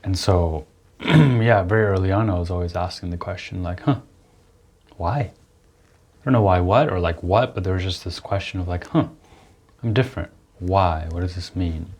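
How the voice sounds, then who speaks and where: A calm young man, originally from Nepal, reflecting thoughtfully as a guest in a podcast interview. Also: sits low, normal speed, slightly rough. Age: young adult. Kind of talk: casual interview.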